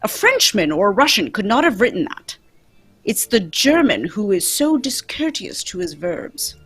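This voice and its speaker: A woman's voice: medium pitch, sing-song, fairly bright tone, breathy edge. A woman playing Sherlock Holmes as a keen, confident, courteous male detective in a theatrical radio play reading. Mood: keen, instructive. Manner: theatrical, brisk, instructive. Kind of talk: live radio play reading, old-time radio acting.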